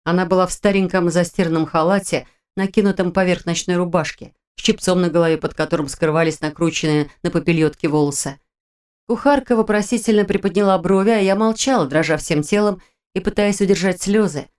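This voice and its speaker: A woman reading a first-person fantasy audiobook in an even, expressive storytelling manner. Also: on the low side, brisk, smooth. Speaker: audiobook narrator.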